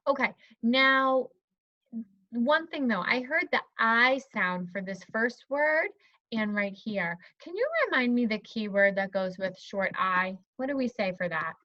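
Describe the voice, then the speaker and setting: A woman teacher demonstrating a phonics lesson to an imagined student, encouraging and modeling words slowly. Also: fairly high pitch, pushed and bright, no room sound. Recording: slightly dull, dry recording.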